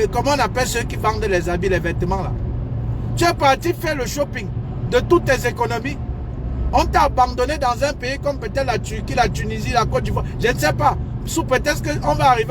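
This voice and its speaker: A man with a strikingly high voice lectures his viewers, hammering home each point by repeating it. He talks outdoors near a street, and the sound of passing traffic comes through clearly. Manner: lecturing, repetitive, emphatic. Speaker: advice vlogger. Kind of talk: casual advice monologue.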